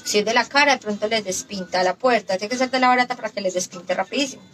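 A woman's voice: mid-range voice, quick pace, music in the background, rough recording. A woman hosting a casual craft tutorial, upbeat and announcing workshops and dates. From Colombia. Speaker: craft shop host.

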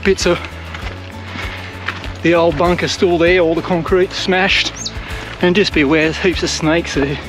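An older Australian man talks on the move in a fairly high voice, rambling and self-mocking as he hikes. He is recorded outdoors on an action camera held at arm's length. Music plays behind him. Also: steady tone, measured pace, poor audio. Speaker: hiking vlogger. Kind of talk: casual walking commentary. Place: outdoors on coastal bush trail and beach.

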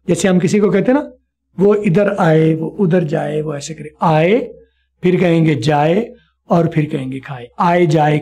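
A man teaching spoken English in an online class, repeating each sound slowly for his students. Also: high voice, gravelly, dark tone.

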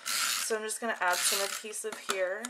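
At an indoor craft desk, a woman with a mid-range voice narrates her own hands-on craft demo in a chatty, informal way. Her delivery is flat and moderately paced, and clicking comes through clearly in the background noise.

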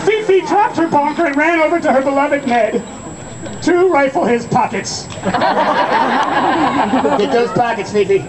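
A man's voice: extremely high pitch, lively intonation, unhurried, pauses often. A man voicing a bawdy skeleton puppet emcee, telling a comic story on an outdoor fair stage with theatrical, teasing asides. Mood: gleefully mocking. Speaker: comic storyteller directing audience volunteers. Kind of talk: bawdy live stage comedy narration. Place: outdoor fairground stage, heard from the audience. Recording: outdoor audience camcorder, crowd laughter, loud noise.

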